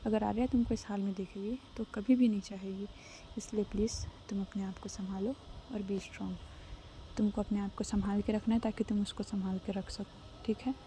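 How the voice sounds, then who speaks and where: A woman's voice: fairly high pitch, fairly even intonation, normal speed, warm tone, a little hiss or hum, lightly acted. A woman voicing an anxious, strong-willed middle-aged mother in a spoken Hindi story. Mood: soothing.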